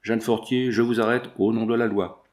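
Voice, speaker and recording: A man's voice: mid-range voice, little pitch movement, normal speed, a little mellow, close to an everyday voice. A man voicing a stern police agent speaking in firm official tones in a read-aloud novel.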